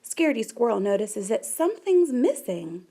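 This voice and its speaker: A woman with a slightly high voice reads a children's picture book aloud, animated and deliberate, giving her lines dramatic emphasis as a storybook reader.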